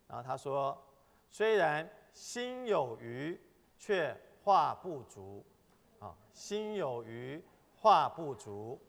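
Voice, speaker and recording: A man's voice: on the high side, gravelly. A man teaching a church group in a sermon style, reading quoted passages aloud and asking his listeners to answer back. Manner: reads quoted passages, then asks the group questions. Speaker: church teacher leading a training session. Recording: long reverb of a large hall.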